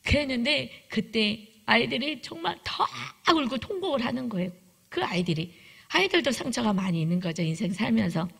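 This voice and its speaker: Woman giving a sermon testimony in church, gravelly kinda husky voice, tells it vivid. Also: a little high, lively intonation, fairly quick, a bit bright. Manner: vivid storytelling, acting out quoted prayers and voices. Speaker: preacher. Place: church sanctuary.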